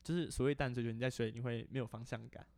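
A man's voice: medium pitch, rapid-fire, gravelly, no echo. A young man, co-hosting a casual podcast and telling a story with lots of laughs. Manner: laughs often, animated storytelling. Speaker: podcast co-host.

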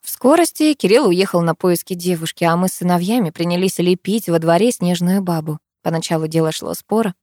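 Woman narrator, first-person audiobook, expressive reading, dry close sound. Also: fairly low pitch, a little fast, few pauses, no room sound.

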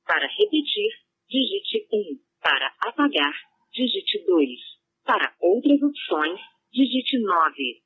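A woman voicing an automated voicemail system, with a flat, mechanical delivery. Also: medium pitch, takes it slowly, long pauses, husky, full character voice. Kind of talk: automated phone menu. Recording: tinny phone line.

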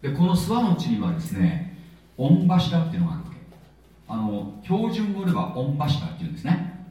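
A man preaching a sermon in a chatty, lively way, with plenty of filler words. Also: fairly high pitch, a little fast. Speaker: pastor. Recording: echoey hall, voice from far off.

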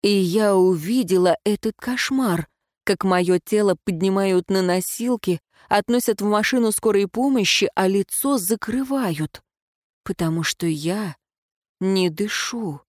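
A woman reading a first-person story aloud in an even, reflective narration. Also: mid-range voice, dry recording, studio quality. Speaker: audiobook narrator.

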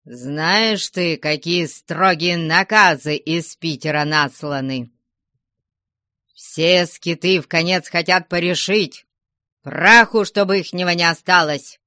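A woman voicing a stern, angry old merchant father who shouts threats at his family in an audiobook. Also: on the low side, slow, no echo, studio quality. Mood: domineering.

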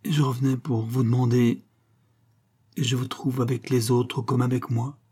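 A man's voice: mid-range voice, flat delivery, moderate pace, mellow, slightly rough, lightly acted. A man voicing a wounded young soldier who pleads with rising emotion. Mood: anguished.

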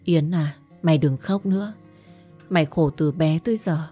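A woman voicing a young woman who is the blunt, worried best friend, talking fast and scolding. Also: deep voice, mellow, faint music behind. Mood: comforting.

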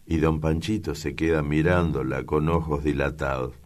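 A man reading a novel aloud in a measured, deliberate way. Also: very deep voice, level tone, a little mellow. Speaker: audiobook reader. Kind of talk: literary narration.

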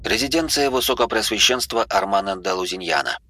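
A man narrating a fantasy audiobook in a steady, measured reading. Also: lowish voice.

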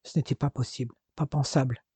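A man reading a dramatic novel aloud in measured, scripted narration. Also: mid-range voice, steady tone, warm tone, slightly rough, dry recording. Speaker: audiobook narrator. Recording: dull, dry lo-fi recording.

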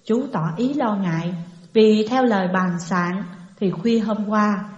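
A woman reading a novel aloud as audiobook narrator, in steady storytelling narration. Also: medium pitch, unhurried. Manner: steady storytelling, shifting into character voices. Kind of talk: scripted narration. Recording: muffled echoey hall reverb.

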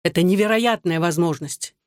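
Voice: medium pitch, moderate pace, no echo, clean studio sound, natural voice. An audiobook reader voicing a worn-out, short-tempered father, stern and exasperated with his son. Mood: persuading. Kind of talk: audiobook reading.

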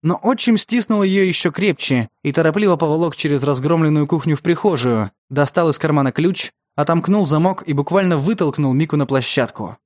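A man narrating a tense story in a steady, scripted audiobook style. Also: on the high side, fairly quick, few pauses.

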